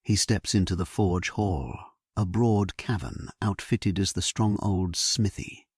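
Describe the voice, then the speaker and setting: A man narrating a bedtime sleep story in a gentle, hushed, soothing way. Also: low-pitched, steady tone, measured pace, husky, dry recording, studio quality.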